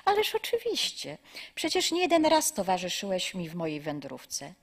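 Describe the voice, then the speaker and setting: A woman voicing a cheerful, kind old woman in a spoken story, gentle and reassuring, with a low, breathy voice. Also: huge pitch swings, moderate pace, full character voice. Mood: warm.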